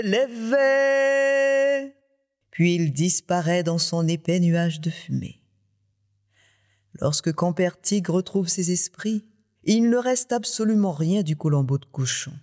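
A lively storyteller reading out a folk tale with expressive delivery, at an average pitch. A long reverb trails behind each phrase.

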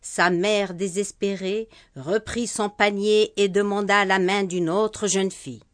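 A woman telling a folk tale in a measured, unhurried storytelling manner. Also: mid-range voice, steady tone. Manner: measured, unhurried narration with a closing formula.

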